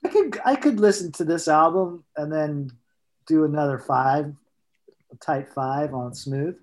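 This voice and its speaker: A man's voice: fairly high pitch, measured pace, darkish tone. A man co-hosting a podcast in casual banter, rambling and joking, now and then slipping into goofy voices. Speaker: podcast co-host.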